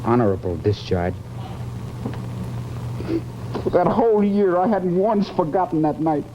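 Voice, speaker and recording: A man's voice: high-pitched, big pitch swings, normal speed. An actor playing a haunted, guilt-ridden man confessing his fear of death, intense and brooding in the manner of 1950s television drama. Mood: grim confession. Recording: muffled, noisy old television soundtrack.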